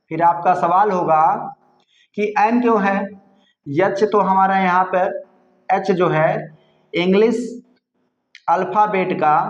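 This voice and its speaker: A man teaching English grammar in Hindi, explaining slowly and repeating himself, spelling words out letter by letter. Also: high-pitched. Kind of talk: Hindi-language grammar lesson. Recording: echoey room, slightly dull sound.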